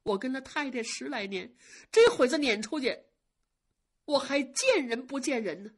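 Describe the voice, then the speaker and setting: A woman's voice: high voice, sing-song, moderate pace, breathy edge, voice pushed up, full character voice. A woman storyteller voicing a young maidservant desperately pleading not to be sent away. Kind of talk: traditional storytelling.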